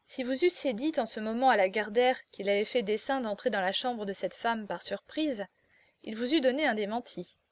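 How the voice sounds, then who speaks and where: A woman reading a classic novel aloud as audiobook narrator, measured and expressive. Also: on the high side.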